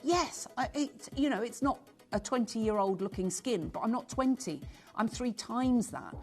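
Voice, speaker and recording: A woman's voice: fairly high pitch, expressive, darkish tone, soft background music. Upbeat woman in her sixties selling live. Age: 60s. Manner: chatty, rapid roll-call of buyers, upbeat urgency. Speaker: shopping channel presenter. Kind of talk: live TV sales pitch.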